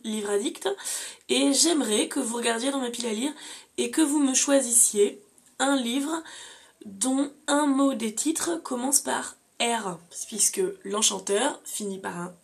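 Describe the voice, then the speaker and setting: A young woman hosts a casual book vlog, running through her reading list with plenty of fillers. Her voice sits a little high and carries a gravelly fry. She talks at a slow, unhurried pace. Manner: chatty, listing books with frequent fillers. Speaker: book vlogger.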